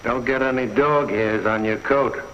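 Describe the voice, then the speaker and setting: An actor playing a blunt, plainspoken police sergeant in a 1950s TV crime drama. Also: male voice, medium pitch, steady tone, a little slow, background noise, close to an everyday voice. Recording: dull lo-fi 1950s TV soundtrack.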